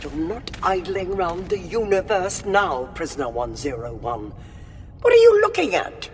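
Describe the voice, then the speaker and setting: In a sci-fi audio drama, a male actor plays a stern, impatient soldier leader, giving curt commands in a reverberant tunnel. His high voice has a sing-song quality and a slightly slow pace, with a little hiss or hum in the audio.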